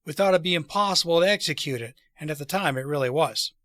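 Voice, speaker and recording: A man voicing an earnest, deliberate revolutionary plotter in a storybook read aloud. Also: on the high side, fairly bright tone, no echo, studio quality, close to an everyday voice. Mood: earnest, explaining. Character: earnest male revolutionary plotter persuading wary allies.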